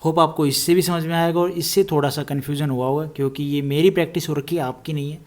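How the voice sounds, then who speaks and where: A man teaching an exam-prep reasoning lesson, explaining step by step and slowly repeating each statement, with terms. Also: on the high side, steady tone, a little mellow.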